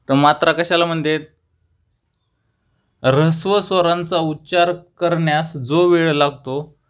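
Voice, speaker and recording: A young man with a Marathi accent teaching a grammar lesson, saying key terms slowly, repeating them, and asking questions that he then answers himself. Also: on the high side, a bit bright.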